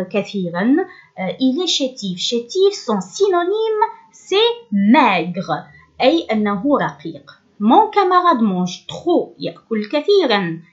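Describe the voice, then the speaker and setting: A woman teacher walks through a workbook lesson, pausing to stress each key word slowly. Her voice sits fairly high and moves in lively swings of pitch. The recording is dull and lo-fi. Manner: switches between French and Arabic, stresses words slowly.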